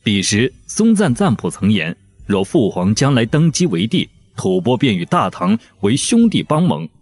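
A man voicing a composed young prince who speaks as envoy in forceful, measured, formal sentences. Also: mid-range voice, wildly swooping pitch, husky, full character voice. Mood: firm formal.

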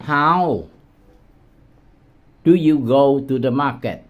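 A man from Vietnam teaching English words in a patient tutorial, repeating each word slowly with hesitation sounds. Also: medium pitch, lo-fi sound. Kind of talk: slow, patient screen-demo tutorial.

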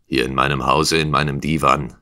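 A man voicing a proud, hostile householder in an audiobook, speaking in a low, hushed, menacing way. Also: flat delivery, a little fast. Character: proud, hostile older male Eastern householder.

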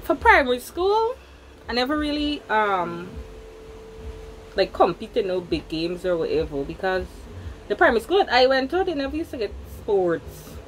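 A woman's voice: a little high, very animated, normal speed, a little hiss or hum, rough recording. A young woman with a Guyanese Creole accent tells a personal story in casual chat, repeating words for emphasis. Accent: Guyanese Creole English. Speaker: vlogger.

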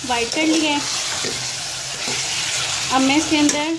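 A woman hosting a cooking channel, calmly narrating a recipe step by step as she cooks in a home kitchen. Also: high-pitched, slow. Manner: calm, methodical, walks through each step. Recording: echoey kitchen with background noise.

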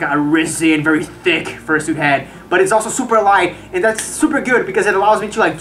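A woman's voice: mid-range voice, slight background noise. Woman muffled by a mask head, chatty, upbeat, casual review. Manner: chatty and upbeat, with frequent restarts. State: speaking inside a mask head. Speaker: fursuiter reviewing her own costume.

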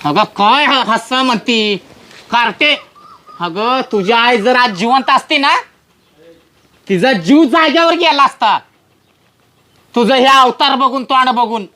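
A woman's voice: a little high, lively intonation, slow, pauses often, bright, forceful tone, full character voice. A woman playing an angry middle-aged village father who scolds his daughter indignantly. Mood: scolding. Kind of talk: comedy sketch acting.

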